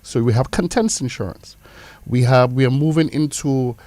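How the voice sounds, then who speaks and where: A Caribbean man with a medium-pitched voice explains things in an interview, recorded dry. He is emphatic, going back over phrases to stress them. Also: normal speed, mellow, no room sound. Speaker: insurance representative.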